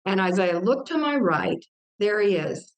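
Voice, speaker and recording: A woman's voice: mid-range voice, lively intonation, a little slow. An older woman from Texas, a guest author in an interview, telling a personal faith story earnestly, with vivid quoted dialogue.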